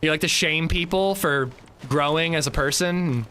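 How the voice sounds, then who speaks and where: A man's voice: on the high side, normal speed, bright, forceful tone, clean tone. A male streamer chatting casually with his audience and friends, self-mocking and reading out chat messages. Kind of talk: casual gaming livestream chat.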